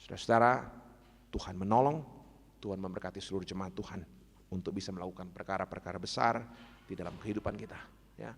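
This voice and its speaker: A man preaching a sermon as pastor, earnest and exhortative, sometimes dropping to soft asides. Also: low-pitched, steady tone, fast talker, vocal fry, long pauses, husky. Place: church. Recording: echoey church hall.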